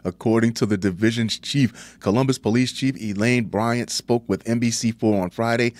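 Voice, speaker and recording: A middle-aged man hosting a satirical crime news show, reading reports flatly and cutting in with crude sardonic jokes. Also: on the low side, no room sound. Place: small dark home studio.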